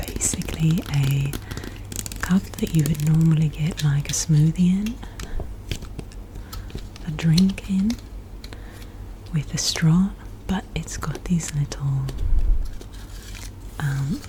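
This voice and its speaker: A woman whispers in a gentle ASMR style, close to the microphone. Her voice sits low and she takes her words very slowly. A clear, steady hum of air conditioning runs behind her. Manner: soft, gentle, unhurried whisper. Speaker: ASMR video host. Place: indoor room with air conditioner running. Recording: clear steady background noise. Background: air conditioner noise, tapping and clicking of handled objects.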